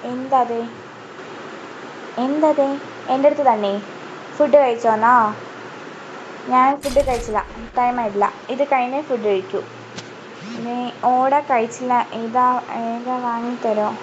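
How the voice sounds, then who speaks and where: Woman streamer, high voice, slow, loud teasing banter, noisy stream audio. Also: steady tone, dull audio. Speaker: game streamer. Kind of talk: casual live-stream chat.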